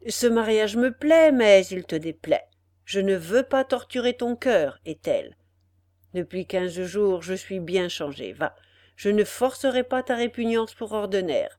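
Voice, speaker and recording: A woman voicing an old, weary, repentant nobleman held prisoner, in a slow, grave delivery in a storybook reading. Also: mid-range voice, lively intonation, a little mellow, no room sound, close to an everyday voice.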